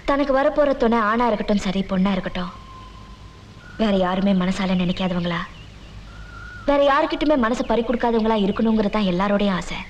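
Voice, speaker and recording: An actress playing a calm, moralizing older village woman in a Tamil film, speaking in a steady, lecturing tone with a Tamil accent. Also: mid-range voice, a little fast, long pauses, a little hiss or hum, close to an everyday voice. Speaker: older female relative giving advice. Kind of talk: Tamil film drama acting. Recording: film soundtrack with soft music.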